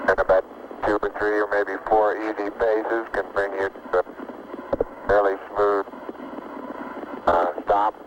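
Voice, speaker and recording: Astronaut, low voice, halting measured reports, static bursts over muffled archival radio. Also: male voice, level tone. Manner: halting, measured, many filler pauses. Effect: radio transmission with static bursts. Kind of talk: radio report while working.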